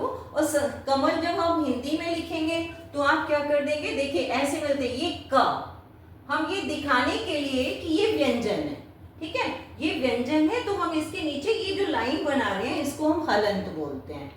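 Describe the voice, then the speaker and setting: A woman teaching a beginners' lesson, patiently explaining step by step and checking in with the learners. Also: high-pitched. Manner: patient, repeats "ठीक है" and checks with questions. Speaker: Sanskrit teacher. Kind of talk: explaining at a whiteboard. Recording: very echoey room, mic far off, faint noise.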